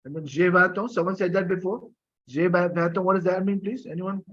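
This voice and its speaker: A man's voice: sits high, steady tone, a little fast, a bit bright, dull audio. A man teaching an online French class, patiently coaxing students for answers, with many fillers and coughs. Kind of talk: live online class lecture.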